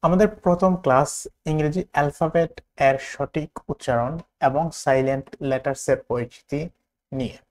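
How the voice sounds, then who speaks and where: A man with a Bangladeshi accent teaching a spoken English lesson, repeating words slowly for learners to copy. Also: a little high, fairly even intonation.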